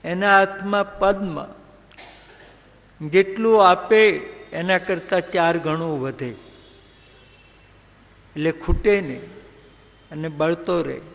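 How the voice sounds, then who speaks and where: A man telling a devotional story in a slow, measured way, breaking into song now and then. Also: sits high, vocal fry, a bit bright. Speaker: religious storyteller. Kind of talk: devotional storytelling with sung passages. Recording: long hall reverb.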